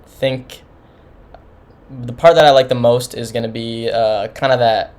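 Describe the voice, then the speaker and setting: A man in the middle of his pitch range talks through an album review in a loose, casual way. He rambles and often restarts his sentences. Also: steady tone, measured pace, darkish tone. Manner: rambling, informal, many restarts. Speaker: music reviewer.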